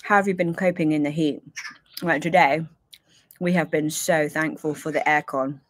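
A woman's voice: low-pitched, fairly even intonation, normal speed, no room sound. A woman chatting casually on a van-life livestream, rambling and apologetic, inside a camper van. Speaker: livestream co-host.

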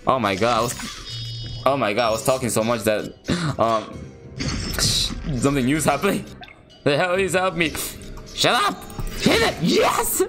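A man's voice: medium pitch, moderate pace, long pauses. A young man streaming a game, chatting casually in a rambling, self-deprecating way. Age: young adult. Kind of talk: casual live gameplay chat. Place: small indoor room at home. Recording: loud game music behind voice. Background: game music.

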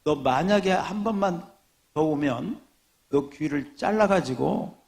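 A gravelly-voiced pastor puts on a grumpy stationery shop owner who scolds a pestering customer. His voice rises as he loses patience. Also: a little high, lively intonation, measured pace, a little mellow. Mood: angry threat.

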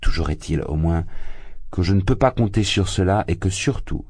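A smug middle-aged suitor full of himself, his sneers wrapped in pompous turns of phrase, read by a man. The voice is deep, dark and husky. It stays close and dry. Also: animated, normal speed, no room sound. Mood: sneering. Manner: mocking, pompous.

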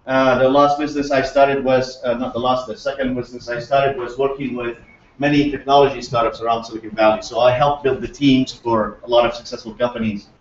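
A middle-aged Syrian guest speaker gives an enthusiastic conference talk at a fairly quick pace, full of fillers and restarts, in a medium-pitched voice with little pitch movement. A distant camera in a large lecture room captures it, giving roomy echo, dull lo-fi sound, and slight background noise.

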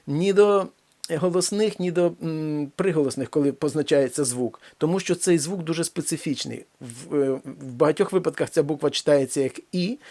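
A man's voice pitched a little above the usual, giving a pronunciation lesson. He talks slowly and deliberately and says each example word again and again so learners can hear it clearly. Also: a little mellow. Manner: slow, deliberate, repeats example words. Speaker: language teacher.

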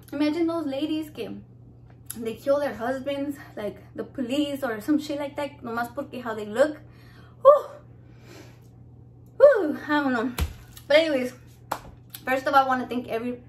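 A woman's voice: a little high, a little hiss or hum. A young Mexican American woman hosting a cooking channel, chatting brashly to camera, swearing constantly and slipping into Spanish. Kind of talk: casual profane chat to camera.

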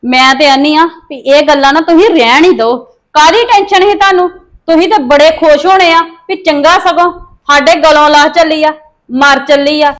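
A woman with a Punjabi accent playing a bitter, scheming daughter-in-law who speaks in sharp, scornful retorts. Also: sits high, normal speed. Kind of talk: amateur family drama acting.

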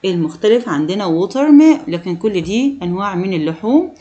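A woman with an Egyptian Arabic accent teaching an English lesson to children, repeating each word slowly and asking the pupils questions. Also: medium pitch, expressive, mellow, muffled recording. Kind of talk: classroom lesson explaining vocabulary.

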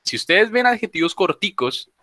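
Guy teaching english over a video call, crisp bright voice, super dry sound, walks through the rules slow and patient. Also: high voice, very animated, dry recording. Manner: patient, explains step by step. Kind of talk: online English class.

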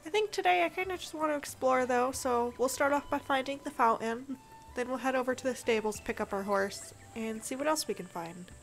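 A woman giving casual gameplay commentary, chatty and playful as she thinks aloud. Her voice sits a bit high, with game music playing softly behind her. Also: a little fast, gravelly. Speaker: gameplay video host.

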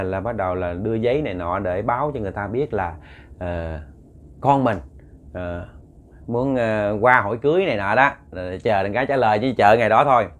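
Man, Southern Vietnamese accent, ghost story narration, rambling, repeats words, talks to listeners. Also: lowish voice. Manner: addresses listeners directly.

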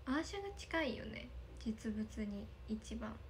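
A woman's voice: on the high side, very animated, a little slow, slight background noise. A young woman in a casual livestream, reading viewer comments, thanking them often and giggling. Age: young adult. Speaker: idol livestreamer. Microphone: phone camera.

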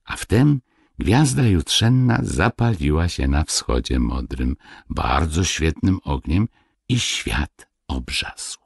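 A man narrating a fairy tale audiobook in a slow, melodic, theatrical way. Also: a bass voice, sing-song, creaky, slightly rough, no room sound, clean studio sound. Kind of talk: expressive storybook narration.

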